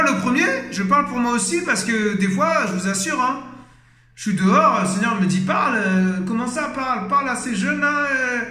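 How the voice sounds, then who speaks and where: High-pitched guy preaching all worked up, bright edgy voice, echoey room. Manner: fervent, emotional, exclaiming and repeating himself. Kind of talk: impassioned exhortation.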